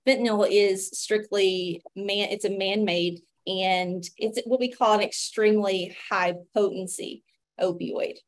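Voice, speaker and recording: A woman's voice: medium pitch, steady tone, unhurried. Appalachian woman presenting on a webinar. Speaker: webinar host, physician and pharmacist. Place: video call, indoors.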